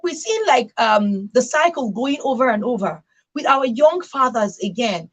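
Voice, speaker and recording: A radio talk show host with a slightly high, expressive voice speaks at an ordinary pace. She hammers home her views through emphasis and repeated phrases, checking in with "right?" along the way.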